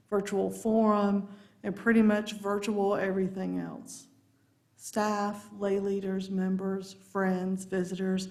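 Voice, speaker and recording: A woman preaches a sermon in a folksy, good-humored way. Her voice has a gravelly, creaky edge. She takes her time and lets each phrase settle. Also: medium pitch. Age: 50s. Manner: folksy and humorous, laughing along with the congregation. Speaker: religious education director giving a sermon.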